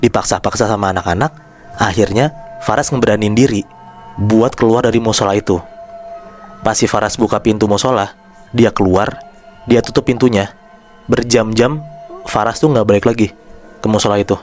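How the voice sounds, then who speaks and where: A man with a fairly low voice spins a horror story in a loose, chatty podcast style, slipping in slang and calling his co-hosts by name. Soft music plays behind him. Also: moderate pace, long pauses. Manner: relaxed and chatty, addresses listeners by name, slangy. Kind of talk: casual spoken storytelling.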